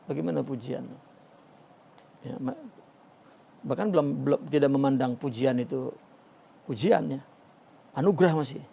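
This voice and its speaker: Gravelly halting male religious teacher. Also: medium pitch, mellow. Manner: halting, with frequent restarts and filler "ya". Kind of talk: Sufi text study lecture.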